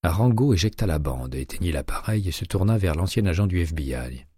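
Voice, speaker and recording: A male narrator reading a crime audiobook at a measured, even pace. His voice is very low and dark, with a husky edge, and the recording is close and dry with no room sound at all. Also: no room sound.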